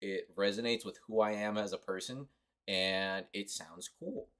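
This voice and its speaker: A man's voice: on the low side, unhurried, a bit bright. A young man from Costa Rica streaming a mobile game, chatting offhand and rambling to his viewers. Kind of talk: casual livestream commentary.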